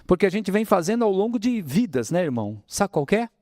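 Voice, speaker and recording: A man's voice: high voice, fast, dry recording, studio quality. A man with a Brazilian accent from the São Paulo interior, giving a spiritist lecture and calling the audience brothers, with many rhetorical questions. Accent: Brazilian Portuguese, São Paulo interior. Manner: lively preaching, addresses audience as brothers, asks rhetorical questions. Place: spiritist center hall.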